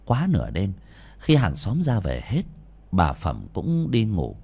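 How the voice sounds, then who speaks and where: A man's voice: on the low side, a little slow, gravelly, slightly rough. A man narrating an audiobook story dramatically. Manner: dramatic, expressive.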